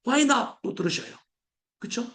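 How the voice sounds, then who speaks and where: High-pitched guy preaching a sermon, animated, slows way down for scripture. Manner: animated, acts out everyday complaints in a raised voice. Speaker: pastor.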